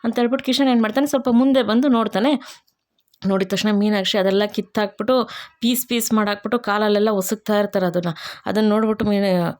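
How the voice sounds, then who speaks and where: A woman's voice: medium pitch, fairly even intonation, darkish tone. A woman casually retelling a TV serial episode in a conversational way. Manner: rapid, conversational. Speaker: storyteller recapping a TV serial.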